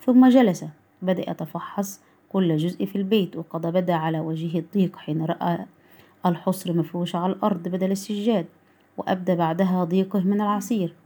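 A woman voicing an elderly grandmother who is calm, wise and perceptive, explaining in a measured, gently reproachful way. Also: mid-range voice, lightly acted.

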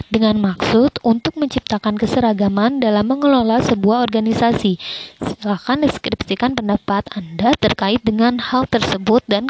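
A young woman student presents her coursework answers, reading them in a measured, careful way with the odd slip. Her voice sits slightly high. A faint hiss and some clicks run under the recording. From Indonesia. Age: young adult. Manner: measured, careful recitation with occasional slips. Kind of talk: reading prepared answers aloud.

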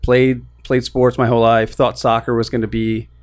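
With a medium pitch, level tone, and moderate pace, this young man's voice comes across a little mellow. He's from Queens, New York, and as a guest in an interview he chats easily about launching his lending business, poking fun at himself and frequently starting over.

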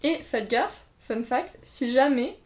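A woman's voice: high-pitched, expressive, takes it slowly. A woman telling casual anecdotes in a chat, acting out quotes and laughing along. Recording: roomy echo.

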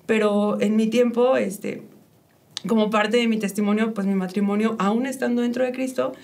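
A woman's voice: on the high side, fairly even intonation, normal speed, darkish tone. A middle-aged woman, emotionally sharing her personal faith testimony and often quoting her own inner thoughts. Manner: emotional, with frequent fillers and quoted inner speech.

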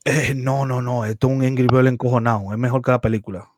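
A man's voice: mid-range voice, fairly even intonation, fast talker, a little mellow. A man, co-hosting a podcast in casual chat and eagerly recommending games with repeated catchphrases. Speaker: podcast co-host.

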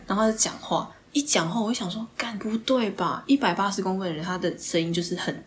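A young woman, hosting a podcast and telling a story in casual chat, animated, swearing casually and dropping into whispered asides. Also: medium pitch, fast talker, slight background noise. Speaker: podcast host.

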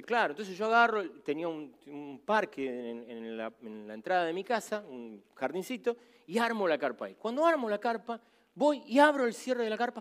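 A man in his fifties, a pastor with a Rioplatense Spanish accent, preaching a sermon and telling stories in an animated way, acting out voices. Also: high-pitched. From Argentina. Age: 50s. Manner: animated storytelling, acts out voices.

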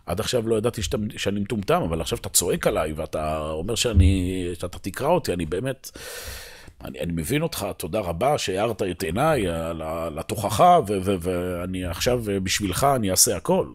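A man acting out a meek man who sarcastically thanks the one shouting at him. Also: sits low, lively intonation, voice pushed down. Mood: mock-humble. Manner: mock-humble.

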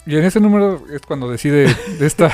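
Man, comics podcast co-host, mid-pitched, expressive, quick jokes, dry room. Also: no echo, faint music behind. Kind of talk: casual comic book chat.

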